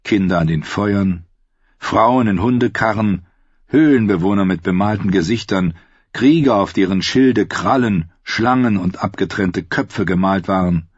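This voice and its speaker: A man narrating a fantasy audiobook in an even, steady storytelling manner. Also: lowish voice, unhurried, breathy edge, dry recording. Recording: slightly dull, dry studio recording.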